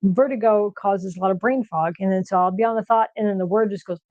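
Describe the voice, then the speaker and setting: Fast-talking middle-aged American woman streamer. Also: medium pitch, dry recording, highs cut off. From United States. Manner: talks fast when excited, pauses to find words. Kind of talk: casual chat on a cooking stream. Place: home kitchen.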